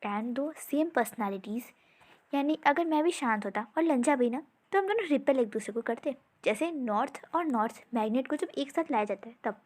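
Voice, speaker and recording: A woman's voice: high-pitched, expressive, normal speed, a little mellow. A woman voicing a chatty, mischievous young prince who loves breaking rules, talking playfully and eagerly. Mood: fond.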